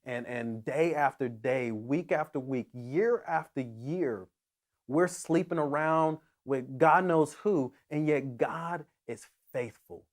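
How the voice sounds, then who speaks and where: Earnest higher-voiced male pastor preaching. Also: slow pace. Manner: earnest, emphatic preaching with frequent restarts. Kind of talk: sermon.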